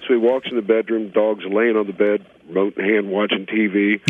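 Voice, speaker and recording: Low-voiced man telling a radio joke. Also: level tone, normal speed, slightly rough, phone-quality sound.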